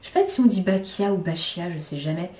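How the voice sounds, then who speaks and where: A woman's voice: lowish voice, lively intonation, quick pace, mellow, a little hiss or hum. Chatty woman in a roomy living room. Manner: chatty, hesitant, many fillers and restarts. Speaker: plant vlogger. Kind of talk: casual chat to camera. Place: living room at home among plants. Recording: roomy, from a distance.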